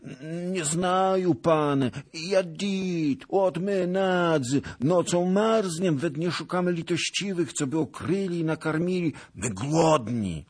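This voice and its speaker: A man's voice: fairly high pitch, slow, a little mellow, voice pushed up. A man voicing a frightened old male beggar who pleads and stammers in rustic peasant speech. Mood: frightened pleading.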